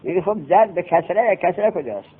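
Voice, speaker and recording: A man teaching a classroom grammar lesson, quizzing his students with quick questions. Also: sits high, animated, husky. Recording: tinny lo-fi classroom recording.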